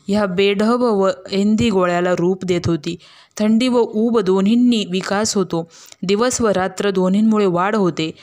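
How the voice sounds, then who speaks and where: A woman narrating a classic story in a steady, measured reading voice, slowing down for verse. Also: medium pitch.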